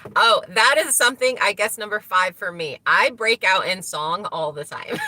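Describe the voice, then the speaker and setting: A woman's voice: medium pitch, sing-song, moderate pace, sharp tone, dry recording. A middle-aged woman hosting a live stream from inside a truck, telling stories in a chatty way and laughing often. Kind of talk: casual live-stream chat.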